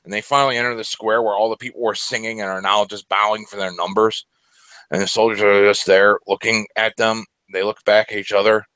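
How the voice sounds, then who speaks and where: A man's voice: little pitch movement, brisk, bright, forceful tone, no echo. A man narrating a tabletop game as game master, breaking into crude sung parodies and laughing often. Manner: sings crude parody songs in a high put-on voice, laughs often.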